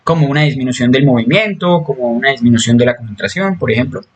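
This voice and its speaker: A man's voice: mid-range voice, expressive, fast. A man giving a recorded psychology class, explaining step by step with fillers, restarts and frequent "¿sí?" check-ins. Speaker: psychology lecturer.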